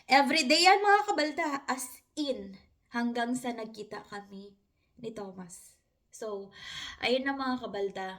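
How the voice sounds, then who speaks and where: A woman with a Filipino accent chats to her viewers in a relaxed storytelling vlog. Her voice sits a little high and sounds bright and sharp. She talks in a loose, friendly way and laughs often. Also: unhurried, long pauses. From Philippines. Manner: chatty, laughs often, addresses viewers directly. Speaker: vlogger.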